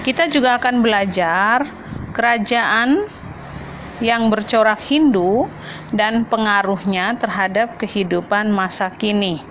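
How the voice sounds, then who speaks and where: A woman teaches young children in a recorded lesson, her voice lifting in a bright, sing-song classroom manner. The sound is a little muffled, with a faint hum of noise behind her. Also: medium pitch. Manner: bright, sing-song address to children, slows to recite a poem. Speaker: primary school teacher.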